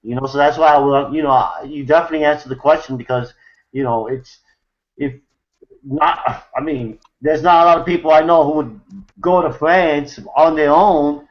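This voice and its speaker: A man's voice: a little high, moderate pace, lo-fi sound. A man from New York hosting an online hangout, telling a story in a rambling casual way full of fillers and restarts. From New York City, USA. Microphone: video call.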